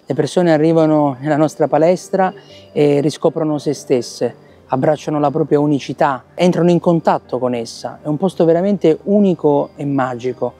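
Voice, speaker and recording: A man's voice: fairly high pitch, normal speed, mellow. Earnest man, darkish voice. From Italy. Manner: earnest, with frequent fillers and restarts. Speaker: theatre project director. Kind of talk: promotional interview. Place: outdoor town square at night. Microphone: lapel mic.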